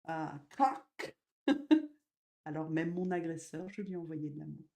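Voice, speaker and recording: A woman medium giving a spiritual live talk, gentle and slow, with sudden loud emphasis and soft drops. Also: deep voice, expressive, gravelly.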